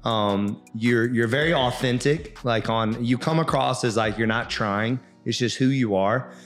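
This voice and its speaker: An earnest man in his thirties hosts a podcast, upbeat and full of "you know" and "um". His voice sits at a middle pitch and rings in a roomy space, with soft music faintly behind. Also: a little slow. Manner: earnest, upbeat, talks with many fillers. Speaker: podcast host. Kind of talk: casual podcast interview.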